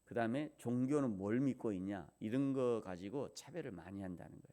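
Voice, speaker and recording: A man's voice: medium pitch, animated, a little fast, warm tone. A man pastor giving a morning devotional sermon, speaking in a conversational way with fillers and rhetorical questions.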